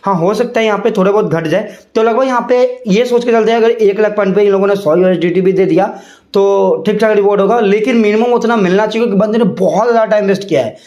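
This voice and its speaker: A man's voice: high voice, quick pace, a little mellow, reverberant. A man, chatting casually as a crypto video host and filling his talk with repeated fillers. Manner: chatty, repeats "ठीक है" and "यहाँ पे". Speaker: crypto YouTuber. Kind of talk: casual explainer vlog.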